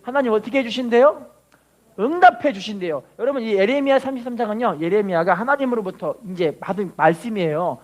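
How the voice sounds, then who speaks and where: A man's voice: lively intonation, fast talker. A man preaching a sermon as pastor, leading the congregation in call and response with dramatic swells. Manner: preaches with dramatic rises in pitch and volume.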